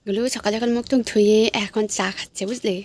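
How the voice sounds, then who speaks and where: A woman's voice: mid-range voice, steady tone, fast, a little mellow, a little hiss or hum. A young woman, vlogging casually at home and coaxing her toddler between asides to viewers. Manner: coaxing, chatty, talks to viewers between prompts. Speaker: vlogger and mother.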